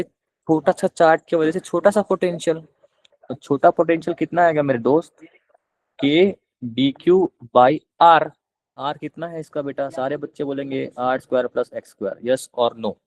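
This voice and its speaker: A man with a Punjabi accent teaching physics in a live online class, explaining slowly and repeating questions to his students. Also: a little high, fairly even intonation, darkish tone, no room sound, poor audio. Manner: coaxing, repeats questions to students, calls them beta; slow, deliberate explanation.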